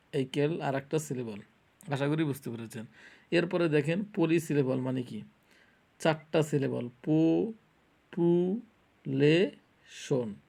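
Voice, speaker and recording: A man's voice: fairly high pitch, gravelly, darkish tone. A man with a Bangladeshi Bengali accent teaching an English grammar lesson. He asks questions and answers them himself, and repeats the key points. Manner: colloquial and repetitive.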